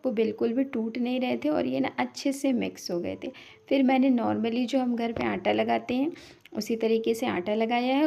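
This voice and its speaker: Woman, recipe voice-over, step-by-step, gravelly fry. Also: fairly high pitch, mellow. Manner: step-by-step, easygoing explaining. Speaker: vlogger.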